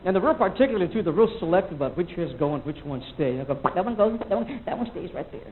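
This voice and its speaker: Captured on lo-fi VHS with a little hiss or hum, a high-pitched, animated man talks fast through a rambling comedy club set. His delivery is loose, and he acts out little sound effects and people's voices.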